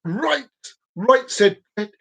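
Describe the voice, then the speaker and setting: A man in his forties hosts a live stream, speaking directly to his viewers in a high, animated, slow voice that is gravelly, a little bright, and edged with breathiness. He rambles playfully, repeats words and phrases, and keeps the chat loose and casual.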